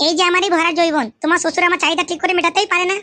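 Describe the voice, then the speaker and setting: A cajoling mother-in-law, voiced by a woman sweet-talks in a high, quick voice. She coaxes and pleads with every line. It is a comic village skit. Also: little pitch movement, pushed and bright. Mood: coaxing. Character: coaxing middle-aged mother-in-law, thirties by her claim.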